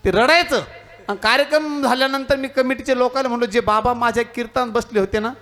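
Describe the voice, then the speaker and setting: A man's voice: very high voice, fast, sharp tone. A man with a Marathi accent, preaching a devotional kirtan full of jokes, stories and acted-out dialogue. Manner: storytelling with jokes and mimicry, teasing the audience. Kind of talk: humorous devotional sermon.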